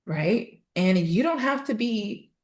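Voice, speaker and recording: A woman's voice: medium pitch, slow pace. Emphatic woman guest in an echoey room. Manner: emphatic, animated, laughing asides. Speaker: podcast guest, voice and storytelling coach. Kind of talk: casual interview chat. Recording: roomy echo.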